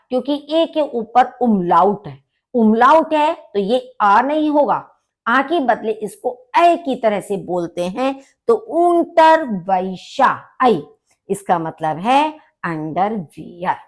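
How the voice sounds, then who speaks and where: A woman teaching a vocabulary lesson, saying each word twice with emphasis before explaining it. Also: fairly high pitch. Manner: repeats each word slowly, stressing it. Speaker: language teacher.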